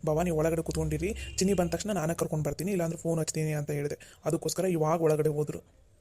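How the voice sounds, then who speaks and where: A woman's voice: sits low, fairly even intonation, very fast, warm tone. A woman voicing a helpful young man in a cartoon, who chats and reassures the others. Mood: chatty. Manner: chatty, reassuring. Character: helpful young man, the father's brother-in-law. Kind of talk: Kannada cartoon voice acting.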